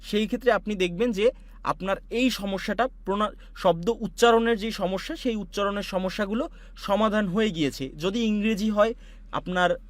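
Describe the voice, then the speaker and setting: A man from Bangladesh teaches an online class, talking students through each step of audio software. His voice sits high and the recording is dry and close, with no room sound. He explains patiently and circles back over points with many asides. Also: normal speed, no room sound. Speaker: online course instructor. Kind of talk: screen-share software tutorial.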